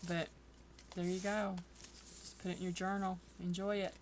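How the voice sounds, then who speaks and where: Tired woman, lowish voice, chatty self-mocking craft vlogger, noisy home recording. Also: flat delivery, moderate pace. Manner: chatty, self-deprecating, rambling. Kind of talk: casual craft tutorial.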